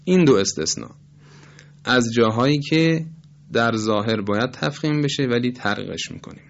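Measured man teaching recitation rules. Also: mid-range voice, expressive, gravelly, highs cut off. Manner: measured and explanatory, with polite formal phrasing and slow demonstrations of words. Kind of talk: formal lecture on tajwid rules.

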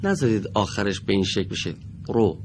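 Guy teaching quran reading in a studio, deepish voice, says each sound slow n clear for the class to copy. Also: animated, background noise. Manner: slow, patient, models each sound for students to repeat. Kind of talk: broadcast lesson. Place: broadcast studio.

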